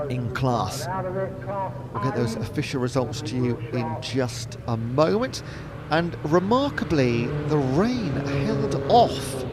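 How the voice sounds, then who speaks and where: A man commentating at a race circuit and reading out race results, now and then correcting himself. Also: a little high. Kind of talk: motorsport commentary. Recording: crowd noise behind.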